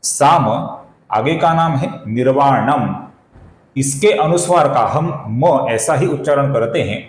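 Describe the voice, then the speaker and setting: A man gives a patient pronunciation lesson, drawing out each syllable at a very unhurried pace. He repeats sounds to show precise enunciation and calls his viewers friends. His voice carries noticeable echo from the room around him. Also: mid-range voice. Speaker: Sanskrit pronunciation teacher. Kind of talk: explanatory lesson with slow chanting.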